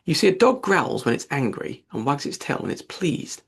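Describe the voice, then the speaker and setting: A man voicing a grinning, teasing cat in an audiobook, speaking slowly with a drawn-out, knowing delivery. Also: a little high, very animated, creaky, husky, full character voice. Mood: reasoning. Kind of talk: audiobook character voice.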